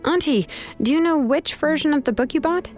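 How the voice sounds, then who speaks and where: A woman's voice: sits high, brisk, a little mellow, lightly acted. A woman playing a confident, practical and kind young craftswoman in a video game. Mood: reassuring. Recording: faint music behind the voice.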